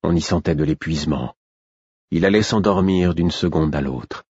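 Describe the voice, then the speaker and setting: Male audiobook reader, very deep husky voice, measured narration, dull muffled sound. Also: a little mellow, dry recording. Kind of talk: scripted first-person fantasy narration.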